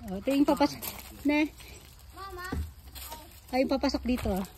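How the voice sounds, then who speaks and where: A vlogger with a high, slightly mellow voice films a casual walking vlog on her phone in an outdoor garden and dog run on a hillside, with slight background noise. Speaking at a moderate pace, she chats to viewers, calls her dog in a sing-song voice, and is sometimes out of breath.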